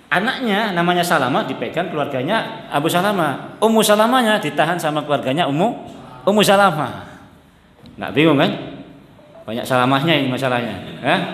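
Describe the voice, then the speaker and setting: A man's voice: on the high side, fairly bright tone, slight background noise. A man giving a religious study lecture as a preacher, chatty, often checking that listeners follow, laughing, and chanting Arabic text. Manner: mixes in Javanese phrases and chants Arabic text. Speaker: Islamic preacher. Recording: echoey hall, long reverb.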